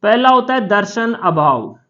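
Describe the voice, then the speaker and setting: Slow-talking woman teaching grammar. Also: medium pitch, lively intonation, bright, forceful tone, lo-fi sound. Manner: slow, repeats key terms and asks questions to the class. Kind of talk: classroom lecture.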